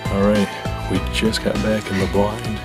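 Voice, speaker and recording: Low, flat-voiced hunting show host. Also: male voice, unhurried, loud music behind the voice. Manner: relaxed, plain-spoken, outdoorsy. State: a little out of breath. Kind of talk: hunting show narration from a blind. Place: hunting blind outdoors.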